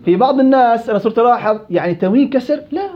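Brisk Levantine Arabic tajweed teacher. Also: male voice, extremely high pitch, muffled recording. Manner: brisk and animated, drills students by repeating examples slowly. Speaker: Quran recitation teacher. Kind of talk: live tajweed class, questioning students.

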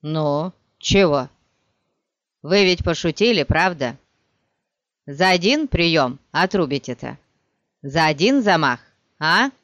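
A man's voice: on the high side, lively intonation, slow pace, pauses often, fairly bright tone, no room sound, exaggerated voice. A man voicing Dandelion, a stubborn, flippant young male poet in an audiobook, in a dry, slightly dull recording. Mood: petulant.

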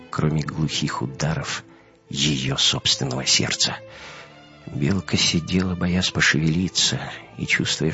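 Deep-voiced male audiobook narrator. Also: vocal fry. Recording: muffled recording with soft music.

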